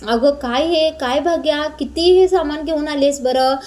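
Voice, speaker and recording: A woman's voice: high voice, moderate pace, darkish tone, lightly acted. A woman reading as a nagging old grandmother. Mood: scolding. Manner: scolding, nagging. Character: scolding elderly grandmother, fussy about money.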